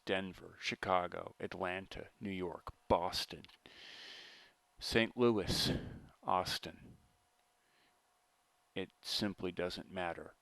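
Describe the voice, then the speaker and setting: A man with a General American accent, giving a deliberate, argumentative monologue to camera with pauses and restarts. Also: low voice, creaky, fairly bright tone, dry recording. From United States. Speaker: vlogger.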